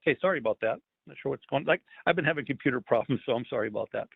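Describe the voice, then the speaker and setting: A man's voice: medium pitch, lively intonation, racing, gravelly, husky, dry recording. A man speaking over a phone line on an online call, giving a casual career talk with lots of ums and uhs. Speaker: federal wildlife agency staffer giving a career talk. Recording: tinny phone line, dry.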